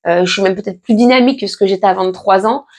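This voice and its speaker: Speaking fast in a darkish, mid-range voice, this thirtysomething vlogger is pregnant and in her late thirties. She answers viewer questions in a relaxed, comforting chat, stumbling through plenty of fillers and restarts.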